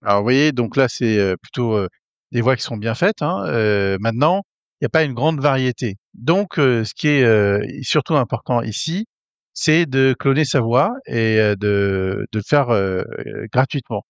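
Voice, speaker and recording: A man hosting a casual tutorial, hesitant with many fillers and restarts, getting excited as he talks. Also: medium pitch, normal speed, no echo, muffled recording. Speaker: tech tutorial host. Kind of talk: casual screen-recorded tutorial.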